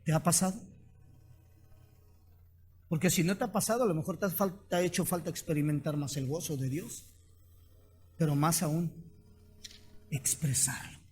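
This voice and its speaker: A Mexican-accented man preaching as a pastor, with a voice pitched high for a man. He tells stories with energy and keeps asking the congregation rhetorical questions. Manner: animated storytelling with rhetorical questions. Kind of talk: sermon.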